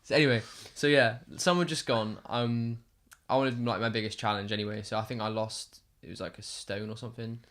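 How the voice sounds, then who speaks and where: A young man chatting casually as a podcast guest, rambling and halting with many fillers. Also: fairly low pitch, fairly even intonation, a bit bright. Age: young adult. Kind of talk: casual chat.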